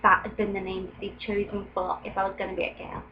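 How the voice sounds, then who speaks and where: This young English vlogger speaks fast and in a monotone, her pitch medium, as she chats casually on a home video with plenty of ums. High frequencies are cut off, and faint ambient sound comes in from an open window in the room.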